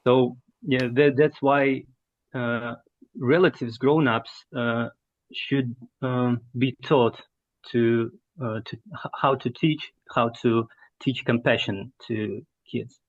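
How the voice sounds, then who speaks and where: A man telling a personal story in an online study group, halting and searching for words. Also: mid-range voice, steady tone, narrow, tinny audio.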